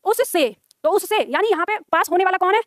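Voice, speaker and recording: A woman teaching a grammar class online, brisk and coaxing, quizzing her students and checking that they follow. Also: extremely high pitch, no room sound, clean studio sound.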